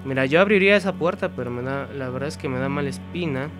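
His voice sits in the mid-range and moves fast, with music playing underneath. This young man, Mexican-accented, commentates a horror game while swearing all the time, talking to himself, and bursting out in frightened screams.

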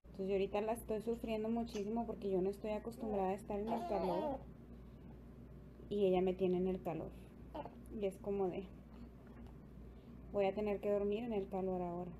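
A woman's voice: medium pitch, a little fast, long pauses. A woman, a new mother chatting casually in her bedroom, repeating her phrases and cooing affectionately. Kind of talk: casual home vlog. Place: bedroom at home. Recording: home video with steady background noise.

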